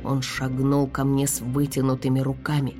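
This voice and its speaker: Low-voiced woman reading an audiobook. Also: moderate pace, soft background music. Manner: expressive, dramatic reading. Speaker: audiobook narrator. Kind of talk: first-person audiobook narration.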